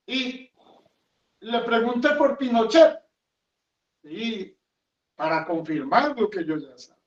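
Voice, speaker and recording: A man's voice: very high voice, slow pace. A man, a friar, preaching a homily with an emphatic, repetitive cadence and rhetorical questions, recorded in a chapel. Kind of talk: sermon. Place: chapel of a hermitage. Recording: echoey, dull sound from a distant mic.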